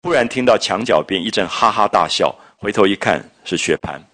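A man lecturing on a classic novel, retelling scenes and explaining old phrases in a chatty, lively way. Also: on the low side, fairly quick. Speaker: literature lecturer. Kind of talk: storytelling literature lecture.

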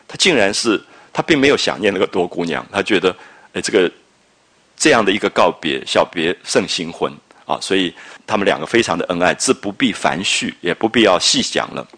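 A man with a very low voice teaches literature. He retells a scene step by step and adds his own remarks. He often turns to his listeners with a quick question. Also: a bit bright, husky. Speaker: literature lecturer. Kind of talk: storytelling lecture.

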